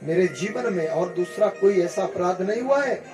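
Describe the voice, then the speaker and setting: A man's voice: sits high, animated, normal speed. A male preacher voicing an aged, dying grandsire who is grave and remorseful, inside a devotional story sermon. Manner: pleading, then sorrowful confession. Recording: echoey room with music behind.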